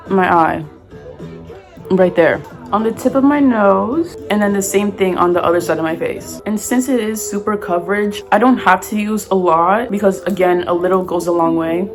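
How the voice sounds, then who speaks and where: Music plays clearly behind a young woman recording a casual makeup tutorial. She is tipsy, and her chatty delivery wanders loosely from thought to thought. Her pitch sits around the middle for a woman. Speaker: beauty vlogger. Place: basement at home.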